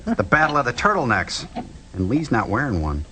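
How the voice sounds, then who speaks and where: Snarky man with wild pitch swings. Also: wildly swooping pitch, normal speed, background noise. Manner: snarky, mocking quips. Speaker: movie riffer. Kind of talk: comedic riffing over a film. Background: film soundtrack music.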